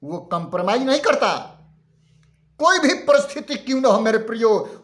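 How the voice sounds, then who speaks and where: High-pitched slow-speaking man preaching. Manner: fervent preaching, reads Bible verses aloud. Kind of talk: Hindi Christmas sermon.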